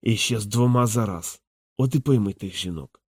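A man voicing a drunk, hulking, jealous husband who speaks in a slow, slurred, menacing drawl, in an audiobook. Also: lowish voice, slightly rough, no room sound, clean studio sound. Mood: drunken menace. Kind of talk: audiobook character voice.

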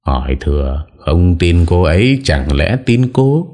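A man's voice: low-pitched, big pitch swings, measured pace, warm tone. A male narrator voicing a defiant young master who answers in cold, clipped retorts. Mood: cold scorn.

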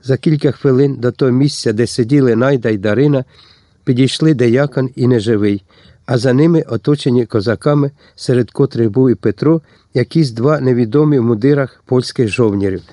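A man narrating an audiobook in a measured, even reading. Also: medium pitch, no echo, clean studio sound. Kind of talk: scripted narration.

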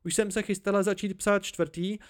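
A man's voice: high-pitched, little pitch movement, pitched above the performer's own voice, lightly acted. A man voicing a proud, secretive young woman in an amateur audiobook, raising his voice to play her. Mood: animated.

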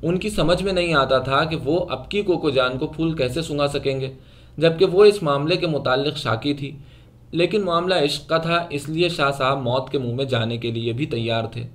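A man narrating a literary short story aloud in a measured, even storytelling manner. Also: fairly high pitch.

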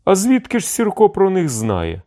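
A man's voice: wildly swooping pitch, normal speed, dark tone. A man voicing frightened male envoys who ask anxious questions in an audiobook. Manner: anxious, raised pitch.

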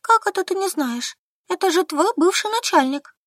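A woman reading an audiobook, voicing an excitable, bossy young woman in a shrill, quick, indignant voice. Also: no room sound, studio quality. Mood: whiny.

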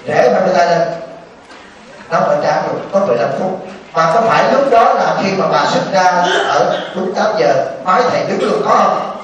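Monk, sermon, high voice, distant mic in a booming hall. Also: male voice, lively intonation, normal speed, a little hiss or hum. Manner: storytelling, asks the audience questions. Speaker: Buddhist monk preaching. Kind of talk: sermon to a live assembly.

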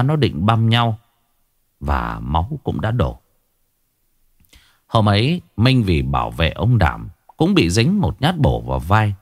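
A man's voice: lowish voice, dry recording, studio quality. Dramatic man telling a ghost story. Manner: dramatic storytelling, acts out every voice. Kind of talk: scripted horror story narration. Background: faint music.

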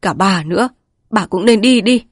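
A woman's voice: medium pitch, normal speed, breathy edge, no room sound, clean studio sound, close to an everyday voice. A woman voicing a grieving old village woman who scolds and pleads. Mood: pleading.

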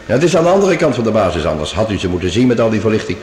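Playing a friendly Mars base curator in a radio play, this male actor speaks in a lowish, darkish, sing-song voice at a racing pace. He sounds gossipy, hesitant and puzzled in casual talk, recorded in a cave-like hall with heavy echo and faint noise.

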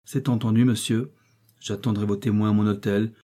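Man reading a sneering chained bad guy, mocking, dark mellow tone. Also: lowish voice, steady tone, moderate pace, lightly acted. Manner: contemptuous, sneering. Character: sneering chained male villain, defiant.

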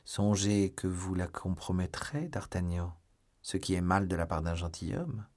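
A man's voice: deep voice, measured pace, a little mellow. A man voicing a refined, courtly musketeer who speaks politely and with reserve, in an audiobook reading. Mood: cautioning.

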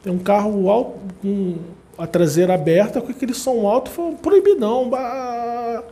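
A man's voice: high voice, normal speed. A man with a Brazilian accent giving a chatty, casual talk to an audience, repeating words for emphasis. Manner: chatty, repetitive, animated asides.

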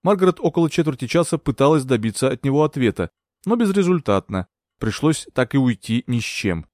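A man reading a novel aloud as a narrator, expressive and dramatic. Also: mid-range voice, brisk, no room sound, studio quality. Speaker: audiobook narrator. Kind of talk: scripted narration.

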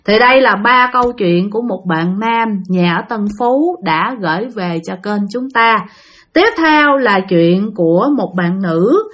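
A woman's voice: medium pitch, animated, unhurried, a bit bright. A woman telling listener-sent ghost stories in a chatty way, addressing her audience directly. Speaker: storyteller. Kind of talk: casual ghost story narration.

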